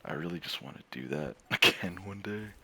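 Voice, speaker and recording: A man talking to camera in a casual rambling monologue about games, with lots of fillers, frequent laughter and soft, near-whispered asides. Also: sits low, expressive, fairly quick, husky. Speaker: streamer and gamer.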